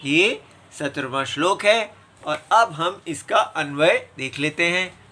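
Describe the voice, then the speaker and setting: Very slow, bright-voiced male scripture teacher. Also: a little high, animated, a little hiss or hum. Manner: patient, breaks words apart syllable by syllable; recites verses in a slow chant. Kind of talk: slow explanatory scripture lesson.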